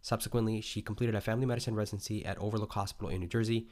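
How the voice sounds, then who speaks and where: A male podcast host reads a guest introduction, then moves into a casual interview with loose, rambling questions full of fillers. His fairly low, darkish voice holds a steady tone and comes out rapid-fire.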